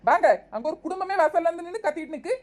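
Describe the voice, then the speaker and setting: A woman playing a brisk, sarcastic young daughter-in-law in a village comedy sketch. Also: very high-pitched. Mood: bossy.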